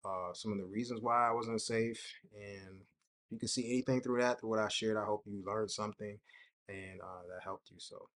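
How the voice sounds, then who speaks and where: Young male host, low-pitched, easygoing chatty delivery with frequent laughs. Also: normal speed. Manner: relaxed, conversational, laughs often, acts out quotes. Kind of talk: casual personal talk to camera.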